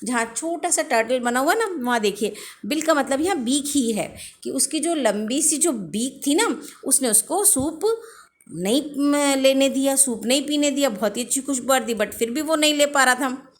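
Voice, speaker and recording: A woman teacher reads a children's story slowly in English and explains each line at length in Hindi. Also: high-pitched, expressive. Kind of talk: bilingual storybook lesson.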